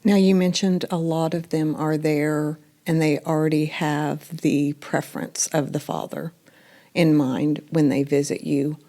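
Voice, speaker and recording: A woman's voice: low-pitched, steady tone, a little slow, mellow. A woman hosting a podcast interview, asking direct questions in a conversational way. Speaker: podcast host.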